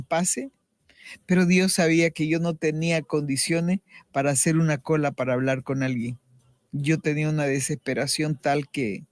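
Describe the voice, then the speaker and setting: A woman's voice: deep voice, a little mellow, no echo. Earnest middle-aged woman telling her story. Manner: earnest, reflective storytelling with frequent restarts. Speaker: radio interview guest. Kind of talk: personal faith testimony in a radio interview.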